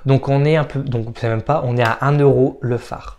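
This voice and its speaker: A man's voice: medium pitch, steady tone, normal speed, darkish tone, highs cut off, slight background noise. A man giving a casual makeup product review, frank and opinionated, with frequent hesitant fillers. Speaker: makeup vlogger.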